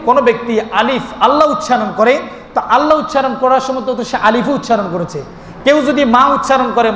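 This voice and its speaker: High-voiced man preaching in an echoing hall. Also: fairly bright tone, slight background noise. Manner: rhythmic preaching, repeats phrases, asks the crowd questions; chants and sings the name of God. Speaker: Islamic preacher. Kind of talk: Bengali waz sermon. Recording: echoing amplified sound in a long reverberant space.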